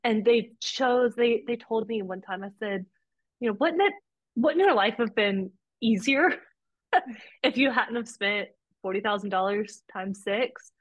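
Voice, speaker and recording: A woman's voice: fairly high pitch, unhurried, dry recording, dull audio. A woman from Romania, a podcast guest and policy advocate, telling her story earnestly with frequent restarts. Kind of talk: conversational interview.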